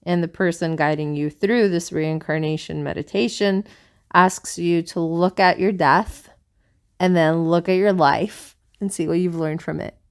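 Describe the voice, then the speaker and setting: Speaking a little slowly, a woman from South America co-hosts a podcast in casual conversation. Her lowish voice has a clear, resonant tone, and she talks in an earnest, rambling, musing manner.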